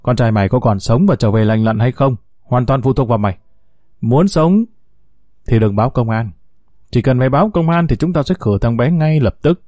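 A man's voice: medium pitch, expressive, dark tone, dry recording, clean studio sound, close to an everyday voice. A man doing a cold, cutting kidnapper. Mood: menacing. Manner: menacing, slow and cutting. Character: cold, sharp-voiced male kidnapper.

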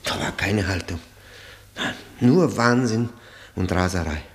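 In the style of a 1960 radio drama, an actor plays a tormented, bitter man confessing his ruined marriage in a brooding, halting monologue. His voice is low-pitched with lively intonation, and the mood is agitated and accusing.

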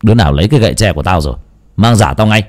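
A man's voice: lowish voice, expressive, very fast, a little mellow, lightly acted. Man doing a barking hot-tempered young master. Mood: bossy. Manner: barking, bossy commands.

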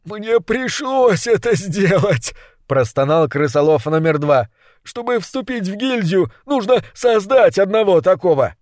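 A man's voice: high-pitched, expressive, moderate pace, darkish tone, dry recording, pitched above the performer's own voice. A man playing a cowardly ratcatcher in a storybook, stammering and blubbering in a raised, thin voice. Recorded close and dry, with no room around it. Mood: wailing panic. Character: panicky lying male ratcatcher, cowardly.

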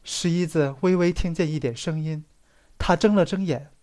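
A literary story is narrated for an audiobook at a moderate pace and medium pitch. The reader's storytelling is expressive, pressing on the dramatic phrases.

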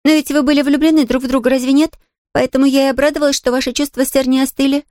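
A woman voicing an excitable, chatty young girl in an audiobook reading, talking in a breathless rush. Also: high-pitched, fast, dry recording, clean studio sound, voice pushed up, lightly acted. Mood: dismayed.

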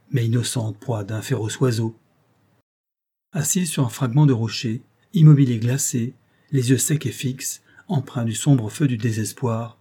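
Husky, warm-voiced male narrator. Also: mid-range voice. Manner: measured, expressive literary reading. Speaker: audiobook narrator. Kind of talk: scripted narration of a classic tale.

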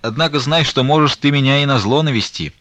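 A man reading the part of a stern, grieving old merchant, talking in a slow, weighty, reproachful way. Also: medium pitch, a bit bright, dry recording, voice pushed up, close to an everyday voice.

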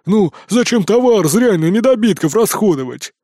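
A man's voice: sits high, animated, normal speed, mellow, dry recording, studio quality, voice pushed up. A man voicing a greedy, thrifty pig who grumbles and sounds suspicious in a children's fantasy audiobook. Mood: grumbling.

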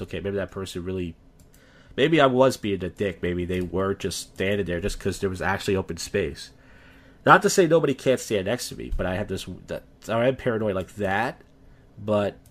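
A man with a somewhat low voice talks on a casual podcast. He rambles, doubling back with fillers and restarts as he explains himself. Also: fairly bright tone. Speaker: podcast host.

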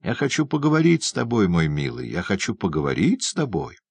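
A man voicing a raving, terrified old male prisoner, bursting out shrill and frantic. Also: wildly swooping pitch, fairly quick, creaky, a little mellow, husky, no echo, heavily acted. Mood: pleading, frantic. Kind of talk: audiobook character voice.

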